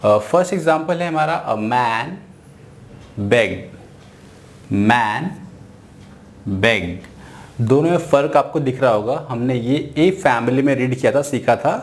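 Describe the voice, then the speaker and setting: An Indian man teaching an English phonics lesson, spelling out each sound slowly and repeating every word. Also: mid-range voice.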